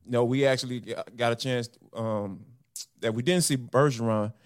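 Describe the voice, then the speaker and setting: A man co-hosting a casual sports podcast, talking in an animated, slangy way and joking with his partner. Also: medium pitch, moderate pace. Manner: animated, slangy banter with laughs. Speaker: podcast co-host.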